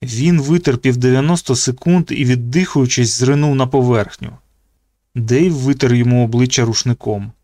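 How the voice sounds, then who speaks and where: A man narrates a novel in a steady, measured storytelling voice at an ordinary pitch. He is close to the mic, and the recording is dry with no room echo. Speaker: audiobook narrator. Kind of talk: scripted narration.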